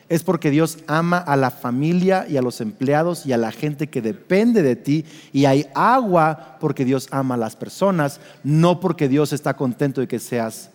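A middle-aged man with a Mexican accent, a pastor preaching a sermon and telling a personal story in an animated way, acting out scenes and questioning his listeners. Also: a little high, long reverb tail.

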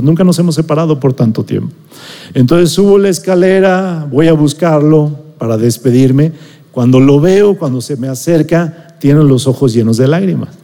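A middle-aged Mexican preacher tells a personal story to his congregation in a conversational way. His voice sits a little high yet sounds mellow and soft-edged. The sound rings with the long reverb of a large hall. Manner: conversational storytelling, checks in with listeners. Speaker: pastor or preacher.

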